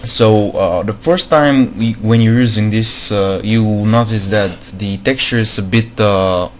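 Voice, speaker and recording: A non-native English speaker with an unhurried, low-side voice explains how to build game mods in a screen-recorded tutorial. His speech is halting, packed with fillers and repetitions, with a little hiss or hum in the background.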